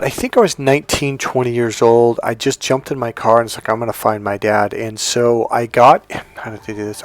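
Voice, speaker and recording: A middle-aged American man telling personal stories casually, wandering off on tangents and speaking straight to the viewer. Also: medium pitch. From California, United States. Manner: conversational, digressive, addresses viewer directly. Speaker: dating coach telling personal history. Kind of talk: casual autobiographical storytelling to viewers.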